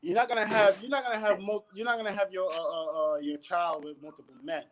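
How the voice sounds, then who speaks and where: Amid crowd noise, an animated man on a casual panel rapidly preaches his views in street slang, repeatedly asking "you know what I'm saying." His voice sits unusually high for a man.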